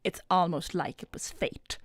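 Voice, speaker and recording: A woman voicing a flirtatious, smooth-talking female cartoon hedgehog with gushing, theatrical, formal phrasing. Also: on the low side, fairly even intonation, normal speed, no echo, clean studio sound. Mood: flattering, coy. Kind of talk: improvised in-character livestream role-play.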